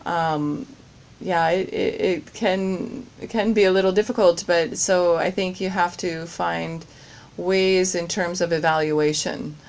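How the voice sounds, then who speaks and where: A general manager taking part in a course answers interview questions about her work in a lowish, steady, slightly slow voice. English is her first language, and she sounds hesitant, with many fillers and restarts.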